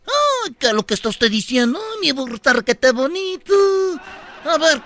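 A man's voice: extremely high pitch, very animated, vocal fry, pushed and bright, dry recording, full character voice. A man voicing a feisty rural old woman who whines and wails to defend her donkey. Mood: pleading. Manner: whiny, wailing with drawn-out "ay". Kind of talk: comedy radio sketch.

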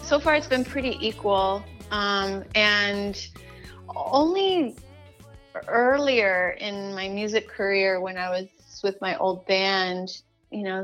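On a lo-fi recording, a woman speaks in a mid-range voice with a fairly bright tone. A musician, singer-songwriter and teaching artist with roots in Chile and the United States, she gives earnest, emphatic interview answers in a conversational style. She often says the same phrases again.

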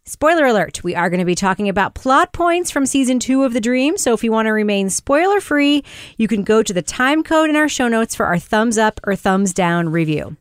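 A woman's voice: a little high, very animated, a little fast, clear, resonant tone, no echo. Blunt woman hosting, dry studio sound. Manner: blunt, sweary, informal. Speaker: podcast host. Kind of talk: casual review podcast, partly scripted introductions.

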